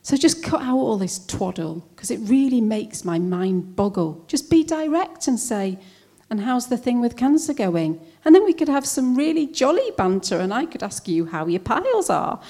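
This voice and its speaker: A woman's voice: on the high side, sing-song, normal speed, hardly any pauses, warm tone. A woman performing a spoken-word poem with a wry, pointed delivery. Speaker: poet.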